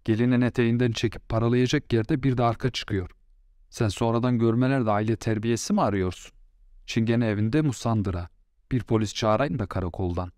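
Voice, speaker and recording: A man voicing an angry downstairs neighbor woman in an audiobook story, shouting angrily. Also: mid-range voice, brisk, no room sound, clean studio sound, close to an everyday voice. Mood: furious.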